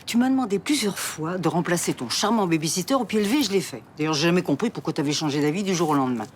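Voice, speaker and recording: A woman's voice: lowish voice, animated, fast talker, slight background noise, close to an everyday voice. An actress playing a wheedling, guilt-tripping mother. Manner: cloying, wheedling. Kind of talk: TV soap drama.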